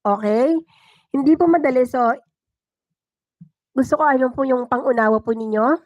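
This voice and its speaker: This livestream host and storyteller, a woman with a Filipino accent, narrates dramatic first-person stories and chats casually with viewers. Her high voice moves at normal speed. The sound is muffled, with no room ambience.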